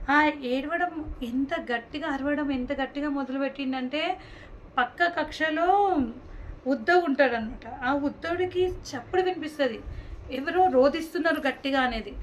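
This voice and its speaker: A woman teaching a devotional class, telling a sacred story in an animated way, often correcting herself mid-word. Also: high-pitched, highs cut off, a little hiss or hum.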